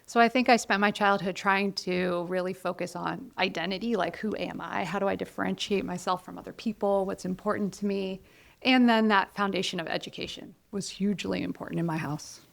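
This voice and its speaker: A woman's voice: mid-range voice, fairly quick, gravelly. A woman in her forties from Ohio, a guest in a casual interview, talking candidly and with self-deprecating humor. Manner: candid, self-deprecating, quotes others in lively voices. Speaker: guest, college counselor.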